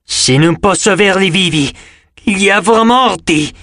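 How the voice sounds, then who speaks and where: A vicious male manticore from an audiobook, hissing out high, stretched threats, as a male narrator puts him on. The voice sits well above an ordinary man's register and drags its words slowly. The recording is dry and close. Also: lively intonation, bright, forceful tone, no room sound, full character voice. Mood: menacing. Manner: shrill, drawn-out threats. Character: snarling male manticore monster, vicious and spiteful. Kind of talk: audiobook character voice.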